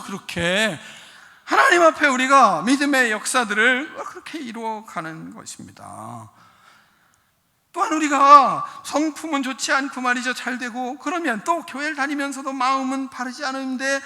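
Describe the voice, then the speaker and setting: High, bright pastor preaching in a reverberant sanctuary. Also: male voice, very animated, moderate pace. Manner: conversational preaching that builds to shouted exhortations. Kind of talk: sermon. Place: church sanctuary.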